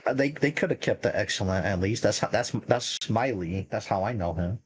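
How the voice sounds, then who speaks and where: A man on a gaming podcast panel in casual chat, giving blunt, quick reactions. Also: lowish voice, husky, rough recording.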